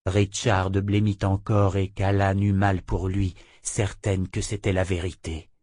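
Male audiobook narrator, measured and slow, dry studio sound. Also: deep voice, little pitch movement, darkish tone, dry recording. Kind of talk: scripted narration.

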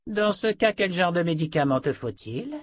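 A woman's voice: on the low side, lively intonation, normal speed, no echo, clean studio sound, pitched above the performer's own voice. A man reading aloud, voicing a curt and hostile sorceress in an audiobook. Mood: cold. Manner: curt, scornful. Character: cold, scornful sorceress woman, curt and hostile.

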